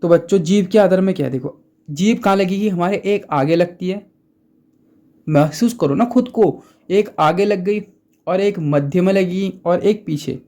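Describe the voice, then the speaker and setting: A man's voice: high-pitched, measured pace, mellow. A man teaching Hindi grammar in a casual exam-prep lesson, chatty, asking and answering his own questions and repeating key points.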